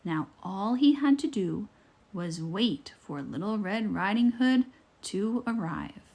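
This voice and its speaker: A woman with a medium-pitched voice reads a scripted children's fairytale aloud, telling it in a deliberate and expressive way.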